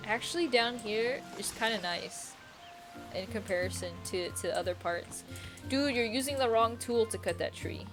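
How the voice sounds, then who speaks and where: A woman's voice: on the high side, normal speed. Chatty young woman streaming a game. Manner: chatty, rambling, giggly, swears casually. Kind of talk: casual game stream chat. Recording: faint music behind.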